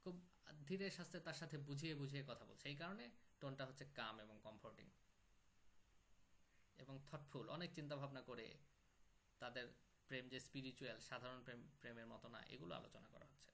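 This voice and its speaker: A man's voice: mid-range voice, fast talker, vocal fry, pauses often, fairly bright tone. A man teaching an online poetry class, explaining step by step and repeating key terms.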